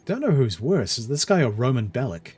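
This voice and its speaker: Brief: sarcastic male streamer, mid-pitched, chatting over game music. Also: big pitch swings, fairly quick, darkish tone. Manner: wry, sarcastic, swears freely. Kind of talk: casual gameplay commentary.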